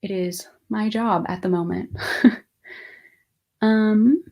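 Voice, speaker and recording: Taking it slowly, a woman in her twenties rambles on a livestream, half-distracted as she thinks aloud and replies to viewers' questions. Her mid-range voice is mellow with fairly even intonation, and she's in a room at home with bookshelves.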